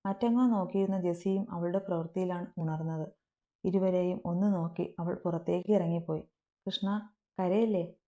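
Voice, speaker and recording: A woman narrating a romantic family story in a steady, emotive reading. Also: on the low side, brisk. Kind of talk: scripted narration.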